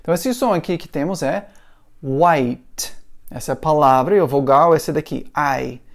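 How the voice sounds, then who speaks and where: A man's voice: a little high, measured pace, creaky. A man whose first language is English, teaching pronunciation in a patient, repetitive lesson. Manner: patient, repeats words for drilling.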